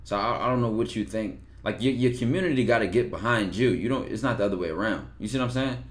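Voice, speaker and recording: A man's voice: on the low side, fast. A man hosting a live stream and taking callers, talking bluntly and loosely, with swearing and rhetorical questions. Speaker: streamer hosting call-ins. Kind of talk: casual live-stream chat.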